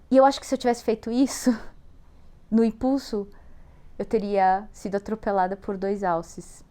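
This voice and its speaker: A woman with a Brazilian Portuguese accent, an interview guest animatedly telling a travel anecdote with laughter. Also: fairly high pitch. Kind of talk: storytelling anecdote.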